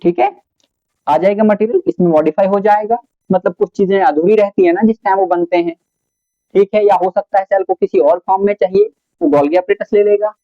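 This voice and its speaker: This biology teacher's voice sits high, steady and brisk as he lectures at a whiteboard. He answers his own questions to the class and mixes English terms into the explanation. Dry recording, dull audio.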